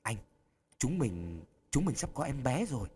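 A man voicing a sweet, trusting young woman in an audiobook story, speaking softly and pleadingly. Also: mid-range voice, sing-song, normal speed, slight background noise. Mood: hushed. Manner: soft, pleading. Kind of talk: audiobook character voice.

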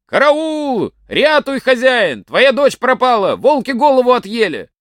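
A man's voice: high-pitched, very animated, fairly quick, no echo, clean studio sound, pitched above the performer's own voice. A man voicing a sly young village lad in a folk tale, bold and cheeky. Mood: alarmed shouting.

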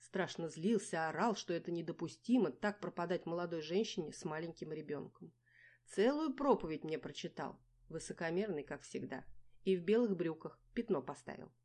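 A woman's voice: lowish voice, animated, normal speed, a little mellow. A woman reading an audiobook voices a chatty, fussing middle-aged mother who exclaims, laments and teases.

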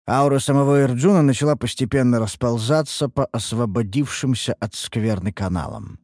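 Steady male audiobook narrator, dry sound. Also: mid-range voice, no room sound. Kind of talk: first-person fantasy audiobook narration.

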